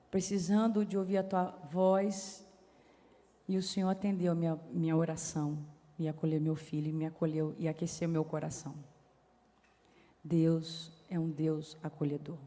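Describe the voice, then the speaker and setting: Middle-aged woman, sermon, animated storytelling, warm dark tone, echoing church hall. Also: lowish voice. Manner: animated storytelling, acting out dialogue. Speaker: preacher.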